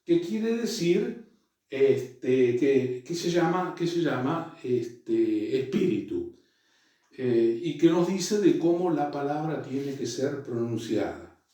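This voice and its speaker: A man's voice: medium pitch, lively intonation, slow, dark tone. A man teaching a Greek class in a hesitant way, full of fillers and restarts. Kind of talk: classroom lecture. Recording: echoey room, voice far from mic.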